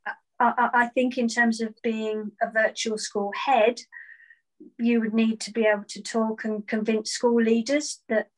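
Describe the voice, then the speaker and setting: A woman's voice: fairly high pitch, level tone, measured pace, low-quality recording. A woman, a school head, answering interview questions earnestly on a video call and often repeating words as she starts a thought. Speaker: virtual school head teacher. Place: indoor room at home.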